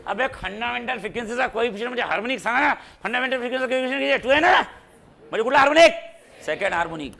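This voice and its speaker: A man's voice: extremely high pitch, vocal fry, bright, forceful tone. A man teaching a physics class in a classroom, quizzing and teasing his students with jokes. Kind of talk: classroom lecture.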